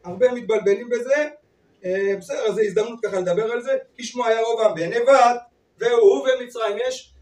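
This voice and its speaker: A man leading an interactive lesson on Torah cantillation, briskly urging participants to read on. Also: very high voice, a little mellow. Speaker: teacher of Torah reading to teachers. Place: classroom or hall with group. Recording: echoey room, far from mic.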